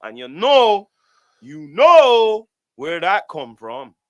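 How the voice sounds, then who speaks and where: A man's voice: high-pitched, big pitch swings, takes it slowly, no room sound. A man chatting casually and emphatically, repeating himself and throwing out rhetorical questions. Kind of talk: casual chat.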